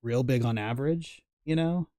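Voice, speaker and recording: A man's voice: medium pitch, normal speed, warm tone, dry recording, clean studio sound. A teasing, rambling male streamer. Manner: rambling storyteller, teasing and jokey. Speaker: gaming streamer. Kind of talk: casual chat while playing.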